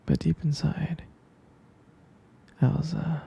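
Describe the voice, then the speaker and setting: A young man voicing an obsessive boyfriend who keeps his lover caged, whispering in a soft, coaxing way. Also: on the high side, steady tone, takes it slowly, full character voice. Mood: fondly reminiscing. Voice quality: breathy whisper. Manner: soft, coaxing, menacingly sweet. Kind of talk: whispered ASMR roleplay.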